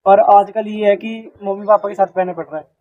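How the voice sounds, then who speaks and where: Young guy, high voice, halting, sounds like over a phone. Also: little pitch movement, no room sound, phone-quality sound. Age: young adult. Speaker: podcast guest. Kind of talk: casual chat.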